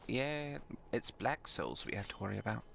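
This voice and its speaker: A man's voice: fairly low pitch, lively intonation, normal speed, creaky, fairly bright tone, a little hiss or hum. A man chatting casually in character in an online role-play, earnest and a little hesitant.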